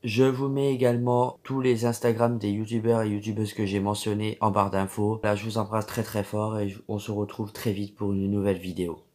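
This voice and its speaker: A man's voice: fairly low pitch, flat delivery, fairly quick, few pauses, a little mellow. A man hosting a casual vlog, speaking affectionately to viewers and stumbling over fillers and restarts. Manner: hesitant, many fillers and restarts. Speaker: beauty YouTuber host.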